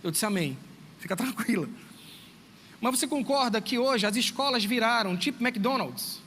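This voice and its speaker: A man, a teacher, giving a church talk to parents in a lively storytelling way, acting out dialogue and speaking straight to his listeners. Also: very high voice, moderate pace. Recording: long reverb, faint background noise.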